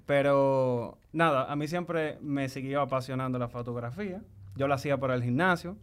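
A man's voice: medium pitch, moderate pace, clear, resonant tone. A man with a Dominican Spanish accent chatting casually, very slangy, telling stories by acting out what people say. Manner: slangy, animated storytelling with acted-out quotes. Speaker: guest, videographer. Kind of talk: casual chat.

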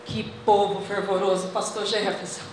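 A Brazilian woman with a mid-range voice, level tone, and moderate pace preaches a fervent sermon to her church congregation, whom she addresses as brothers. Her accent is Brazilian Portuguese, and the recording comes from a very echoey church hall with faint noise.

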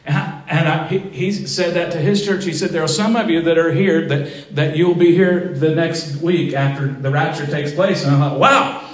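Brief: fervent male preacher, high-pitched, recorded from a distance in a roomy church. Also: fairly even intonation, normal speed, hardly any pauses, darkish tone. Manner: fervent, rising into emphatic preaching. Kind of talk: sermon. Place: church sanctuary.

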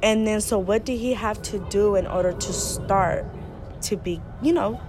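A young woman leading a class discussion about a film, steady and posing questions to her partner. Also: medium pitch, moderate pace, a little hiss or hum. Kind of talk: discussion presentation.

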